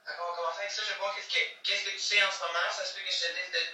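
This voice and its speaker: A woman's voice: on the low side, little pitch movement, rapid-fire, pushed and bright, soft background music. A woman coach, guiding a posing lesson over a video call with encouraging step-by-step corrections. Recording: echoey, distant video call audio.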